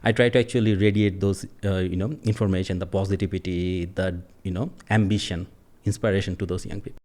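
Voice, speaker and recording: A man in his forties from Bangladesh, a native Bengali speaker, talking as a podcast guest in a thoughtful, relaxed conversational way. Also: sits low, fast. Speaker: podcast guest, agile coach. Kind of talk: casual interview conversation.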